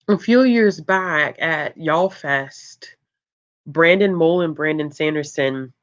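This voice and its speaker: Lo-fi sound carries a book channel host's casual livestream chat as viewer comments get read aloud. The host speaks in a calm, low voice, relaxed, laughing often and dropping many ums.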